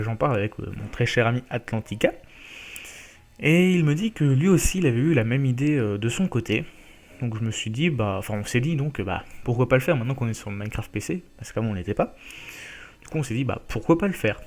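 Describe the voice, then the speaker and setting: A man casually introducing his gaming series, talking loosely with many fillers and repeated "okay?" checks. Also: mid-range voice. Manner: chatty, full of fillers and checks like "d'accord?".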